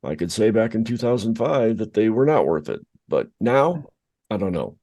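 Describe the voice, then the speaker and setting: A man's voice: fairly low pitch, sing-song, moderate pace, dark tone. A middle-aged man co-hosting a podcast, telling a rambling, self-deprecating story in casual chat. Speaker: podcast co-host.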